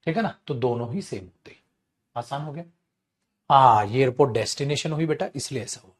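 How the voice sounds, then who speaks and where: A man's voice: mid-range voice, expressive, a little fast. A man teaching an English grammar class online, scolding and teasing his students as he explains.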